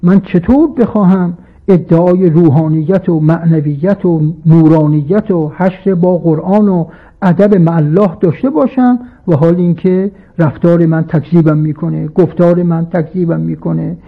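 Gravelly high-voiced preacher on tinny radio. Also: male voice, fairly even intonation. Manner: formal, quotes Arabic scripture and verse. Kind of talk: sermon. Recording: tinny phone-like radio broadcast.

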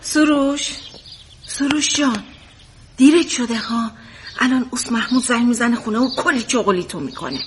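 A woman's voice: a little high, a little hiss or hum, close to an everyday voice. An actress playing a nagging, exasperated daughter who pesters her brother and parents. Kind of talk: family drama acting.

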